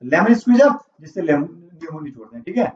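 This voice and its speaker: Speaking fast and animatedly, a male English teacher whose voice sits on the high side with a darkish tone quizzes his class on vocabulary and repeats what they answer. The recording is dull, distant and roomy.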